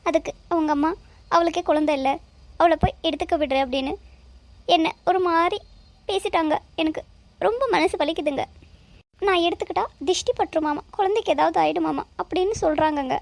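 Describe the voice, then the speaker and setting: A woman's voice: very high-pitched, brisk, gravelly, no echo. Woman voicing a hurt young wife. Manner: soft, plaintive complaining.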